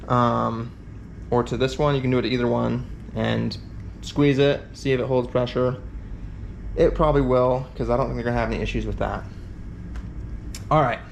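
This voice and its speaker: A competitor explaining a repair event gives a casual hands-on tutorial, rambling with fillers and thinking aloud as he works. His mid-range voice is steady, with vocal fry, a moderate pace and frequent pauses, plus a little hiss or hum.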